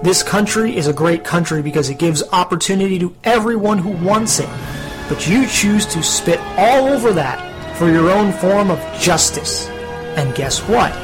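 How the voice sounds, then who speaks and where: A man's voice: sits high, normal speed, natural voice. A man voicing a stern male spirit who lectures sarcastically, in a comedic parody radio play. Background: music.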